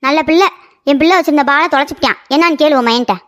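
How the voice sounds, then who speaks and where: A woman voicing a sharp-tongued mother in a cartoon story, scolding and quarrelling with a neighbour. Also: high voice, rapid-fire. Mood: quarrelsome.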